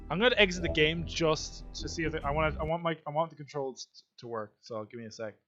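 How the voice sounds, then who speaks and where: A man's voice: fairly high pitch, a little fast, fairly bright tone, dry recording. Playful, teasing man streaming a game. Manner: playful teasing, laughs often. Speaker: gaming channel host. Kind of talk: casual let's-play commentary. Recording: dull lo-fi mic. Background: game music.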